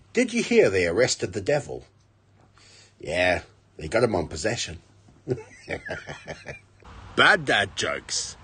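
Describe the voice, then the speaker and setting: A middle-aged man with a husky, rough-edged voice delivers corny dad jokes. His pitch swings very widely between setups and punchlines, and he takes his time, stretching out his catchphrase. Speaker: comedian telling jokes to camera. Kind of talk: short corny joke telling with drawn-out catchphrase. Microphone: phone at arm's length.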